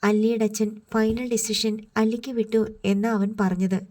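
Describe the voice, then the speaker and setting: A woman voicing a gentle, puzzled young man who speaks hesitantly and jokes mildly in an audiobook. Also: a little high, flat delivery, normal speed, close to an everyday voice.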